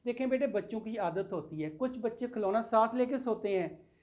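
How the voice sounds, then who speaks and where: A woman's voice: on the high side, expressive, moderate pace, darkish tone. A woman teaching a poem in a classroom-style lecture, reading English phrases and explaining them line by line with lots of repetition and fond asides to her students. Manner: explains line by line, repeating and glossing English words, addresses students as "beta".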